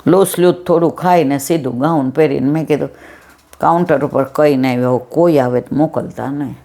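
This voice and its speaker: A woman's voice: low-pitched, fairly quick, dark tone. An older woman giving a devotional satsang talk, telling anecdotes and acting out the dialogue. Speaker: satsang speaker.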